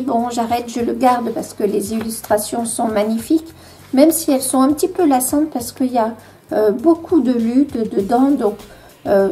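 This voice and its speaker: Une femme à l'accent français présente ses livres de coloriage chez elle, sur un ton détendu, avec beaucoup d'hésitations et des « euh » fréquents. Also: female voice, a little high, dark tone, a little hiss or hum. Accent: French. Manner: hesitant, many fillers, self-deprecating. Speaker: vlogger showing her coloring books. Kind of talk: casual show-and-tell.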